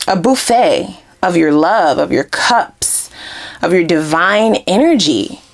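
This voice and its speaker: A woman talks through a casual tarot reading. Her pitch swings widely and she breaks into giggles often. She drops curse words freely and keeps things animated. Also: slow, gravelly. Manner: giggly, animated, frequent swearing. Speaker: tarot reader.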